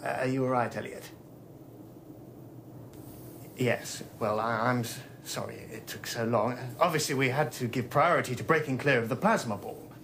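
An actor playing a polite, eager young spaceship officer with a hesitant, apologetic manner, in a television science fiction drama. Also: male voice, mid-range voice, normal speed, fairly bright tone, a little hiss or hum, close to an everyday voice. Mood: earnest, awkward. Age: young adult.

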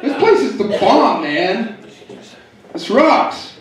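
A man from the Pittsburgh area doing a stand-up comedy set in a hotel comedy club, delivering deadpan punchlines with quick asides. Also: sits high, a crowd in the background. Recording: echoey club heard from far off.

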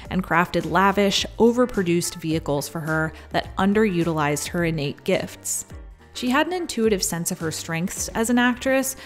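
A woman hosting a scripted video essay, talking it through conversationally with wry asides. Her voice sits low for a woman, and soft music plays underneath. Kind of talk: scripted narration.

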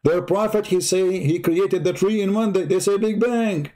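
A high-pitched, warm-toned voice at normal speed belongs to an online debate host whose first language is Arabic. On a heated live stream he is combative and mocking, repeating rhetorical questions.

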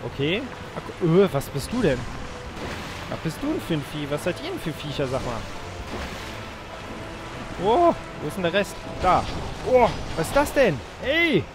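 Excitable man doing gameplay commentary. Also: on the high side, normal speed, pauses often, over music. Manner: excitable, loud exclamations, talks to viewers. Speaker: let's play commentator.

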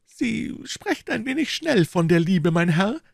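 An anxious young woman with a secret, pleading and quick to hush, as a male reader puts her on. Her raised, light voice swings up and down a lot. The sound is close and dry, with no room around it. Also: high-pitched, very animated, gravelly, no room sound, pitched above the performer's own voice, heavily acted. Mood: urgent. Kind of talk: audiobook reading.

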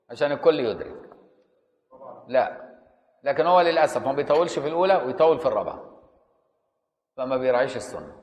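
A man's voice: a little high, a little mellow, long reverb tail. A man with an Egyptian accent teaching Islamic jurisprudence in a conversational lecture, often stopping to ask the students if they follow. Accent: Egyptian Arabic.

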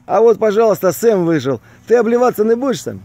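A man with a Ukrainian accent films a backyard gathering on a handheld phone, speaking from behind the camera on a grassy lawn. His high, sing-song voice is fast and dark in tone, and the recording is dry. He teases casually, repeating himself, drawling exclamations and tacking on tag questions.

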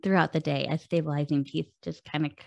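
A woman podcast host with a very low voice and a gravelly fry. She asks questions in an affirming, conversational way. The sound is dry and close. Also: steady tone, fast, a little mellow, dry recording. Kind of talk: interview conversation.

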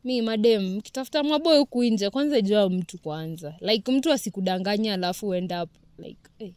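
A woman in her twenties with a Kenyan accent, chatting casually and slangily as an interview guest, expressive and exclamatory. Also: medium pitch, a little fast, dry recording. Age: 20s. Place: outdoors beside a car and hedge.

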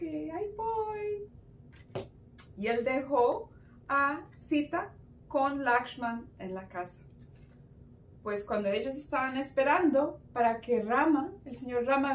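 A woman telling a story to children in an expressive, animated way, speaking directly to her listeners. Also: high-pitched, a little hiss or hum. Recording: roomy echo, distant mic.

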